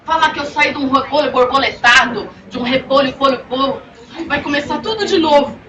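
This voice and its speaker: A woman's voice: high voice, a little fast, muffled recording, close to an everyday voice. A woman voicing a shy young girl who frets and wonders aloud in a storybook reading at a bookstore event. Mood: anxious. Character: shy young girl, worried and easily embarrassed. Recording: roomy, distant mic, crowd and noise.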